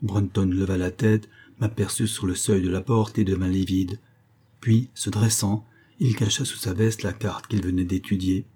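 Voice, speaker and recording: A man narrates a classic detective tale in the first person with measured, steady pacing. His voice sits low, with a dark, mellow color. A husky grain runs through every line. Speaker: audiobook narrator.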